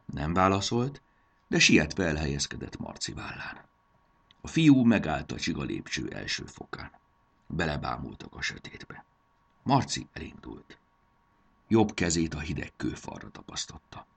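Deep, gravelly male storyteller. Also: very animated, fairly bright tone. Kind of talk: children's story reading.

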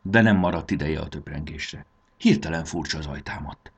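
A man narrating a children's fantasy story as an expressive, dramatic audiobook reader. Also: very deep voice, slightly rough, muffled recording.

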